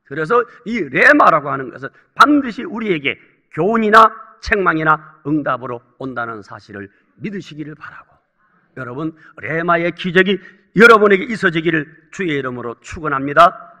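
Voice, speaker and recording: A man's voice: on the high side, expressive, moderate pace, bright, forceful tone. A male pastor preaching a sermon in a church, with emphatic calls and questions to the congregation. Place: church sanctuary.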